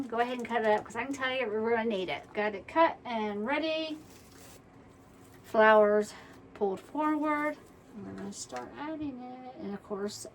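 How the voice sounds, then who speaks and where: A woman, chatting casually through a crafting tutorial and muttering to herself as she works. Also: on the high side. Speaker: wreath-making tutorial host. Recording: distant mic, faint background noise.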